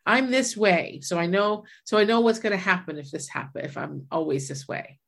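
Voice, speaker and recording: A woman's voice: mid-range voice, animated, moderate pace, gravelly, a bit bright. A woman in her forties in casual, earnest conversation, reflecting aloud with many restarts. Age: 40s. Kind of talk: casual chat.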